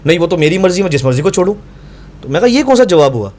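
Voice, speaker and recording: Guy talking super fast, kinda high voice, telling the story and doing both sides of the argument. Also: very animated, darkish tone. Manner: fast, insistent, reenacts dialogue. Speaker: doctor recounting incident to reporter. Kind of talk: animated first-person account.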